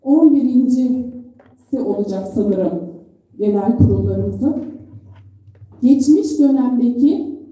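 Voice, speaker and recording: High-pitched woman orating from an echoey pulpit. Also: slow, pauses often, mellow. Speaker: delegate speaking at a federation congress. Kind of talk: public speech at a pulpit microphone. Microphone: podium microphone in a hall. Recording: echoey hall PA, distant microphone.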